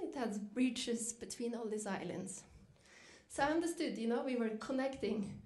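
A woman's voice: a little high, darkish tone. A middle-aged woman from Norway, giving a reflective storytelling dinner keynote, lifting her voice when she quotes herself. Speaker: keynote speaker.

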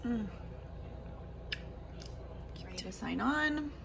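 A woman's voice: fairly high pitch, animated, extremely slow, creaky. A young woman, chatting casually on a homestead vlog and talking to her chickens, filmed on a phone at arm's length. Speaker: homestead vlogger. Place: backyard chicken run outdoors and home kitchen. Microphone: phone held at arm's length. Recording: outdoor noise with clucking chickens. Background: chickens clucking and roosters crowing.

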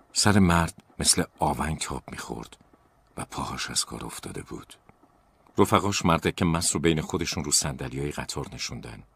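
A man from Tajikistan narrating horror stories with a measured, dramatic delivery, in a noisy recording with crickets outside. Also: extremely low pitch, creaky, a bit bright, slightly rough. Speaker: storyteller. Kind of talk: scripted horror story narration. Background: crickets chirping.

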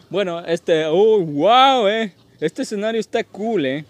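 A man's voice: high-pitched, lively intonation, slow. A tipsy man gives casual gameplay commentary as a host, rambling, repeating himself and joking crudely. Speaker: gaming video host.

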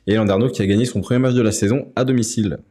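A man co-hosting a casual streamed sports talk show, chatting in a relaxed, hesitant way. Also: on the low side, racing. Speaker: co-host of a women's basketball talk show.

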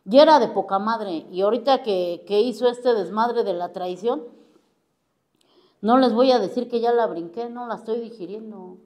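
At an AA group, a middle-aged woman from Mexico City gives her personal recovery testimony in a fairly high, slightly mellow voice at a normal speed. She addresses the room bluntly, using crude street slang and swearing constantly.

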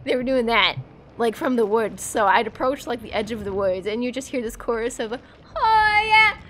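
A woman's voice: on the high side, a little fast, fairly bright tone, slight background noise. A young woman from the East Coast of the United States with an American accent, chatting and giggling casually with her viewers during a game livestream. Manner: chatty and giggly, many fillers. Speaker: streamer. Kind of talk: casual livestream chat while gaming.

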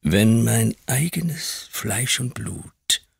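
A man's voice: fairly low pitch, lively intonation, very slow, creaky, husky, dry recording, clean studio sound, pitched above the performer's own voice, heavily acted. A menacing whispering headmaster, as a man puts him on. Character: fat cruel whispering male headmaster.

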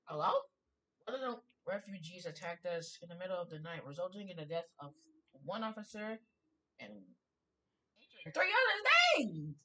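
A woman narrating her own horror game playthrough, with a bright, sharp tone. She reads documents aloud haltingly, then jumps to loud startled cries. Her voice sits a little away from the mic. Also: lowish voice, very animated, distant mic, rough recording. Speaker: gaming streamer. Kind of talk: let's play commentary.

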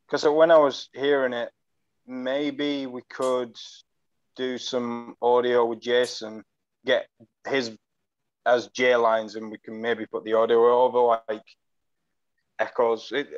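Writer-producer, halting and apologetic, muffled lo-fi line. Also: male voice, mid-range voice. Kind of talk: casual chat. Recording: dull lo-fi audio.

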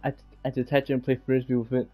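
A young man with a middle-pitched voice trades dry, deadpan jokes over a casual call with friends, often stammering as he starts a line over. Faint music plays behind him. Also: fast, highs cut off.

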